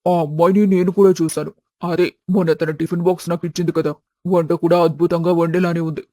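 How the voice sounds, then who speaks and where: A woman putting on a middle-aged dad in a storybook tale, lowered and with an altered timbre. He is agreeable and teasing, and the recording is dry and close. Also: flat delivery, brisk, dark tone, no echo, close to an everyday voice. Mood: easygoing. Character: middle-aged father, easygoing husband. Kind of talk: storybook voice acting.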